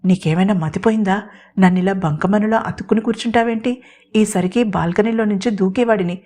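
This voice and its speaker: A woman's voice: medium pitch, fairly quick, warm tone, close to an everyday voice. Woman voicing a nervous irritable young man. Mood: annoyed. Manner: annoyed whispering complaints.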